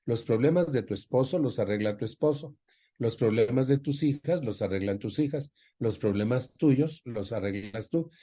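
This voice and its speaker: A man's voice: normal speed, warm tone, breathy edge. A man speaking at a support group, counseling a woman with a personal story and acting out his family's lines. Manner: acts out quoted family members with raised pitch. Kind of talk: storytelling counsel to an audience member.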